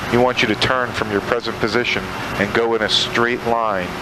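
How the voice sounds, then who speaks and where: A man thinking aloud in a halting way, explaining casually and making pilot radio calls from a home cockpit simulator. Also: mid-range voice. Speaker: flight simulator pilot and video creator. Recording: loud steady engine and fan noise.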